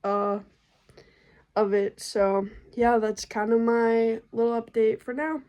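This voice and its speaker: A woman's voice: fairly high pitch, steady tone, slow, darkish tone, muffled recording. A young woman vlogging a casual update about her pregnancy, chatty and slangy, and out of breath from being heavily pregnant. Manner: chatty, slangy, laid-back.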